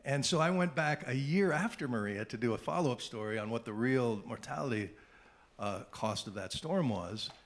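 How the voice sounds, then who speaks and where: A middle-aged man, a television journalist, telling animated anecdotes to a panel audience. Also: mid-range voice, moderate pace. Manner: animated anecdotal storytelling with asides. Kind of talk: storytelling at a panel talk.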